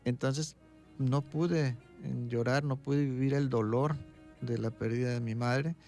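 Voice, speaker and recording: A man, a doctor speaking as a guest expert in an interview, calmly explaining and often checking in with a quick "right?". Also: mid-range voice, faint music behind. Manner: calm, explaining, tags points with "¿sí?".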